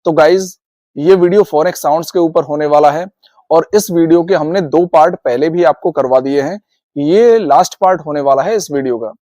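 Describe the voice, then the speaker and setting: A man with an Indian accent runs a video lesson on English pronunciation. His voice sits high and the sound is dry and close, with no room around it. He often calls his viewers "guys" and repeats each rule as he goes. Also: normal speed, warm tone, dry recording. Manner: repetitive, addresses viewers as guys. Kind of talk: classroom-style video lesson.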